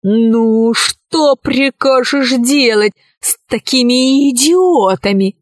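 A scheming male vampire from a storybook, as a woman reads him, drawing out his words slowly and persuasively. The voice sits fairly high and the sound is close and dry. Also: no echo. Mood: exasperated. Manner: slow, coaxing, drawn-out delivery.

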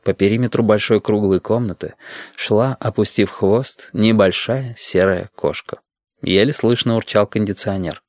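A man narrating a novel in an even, unhurried manner. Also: on the low side, dry recording. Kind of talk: audiobook narration.

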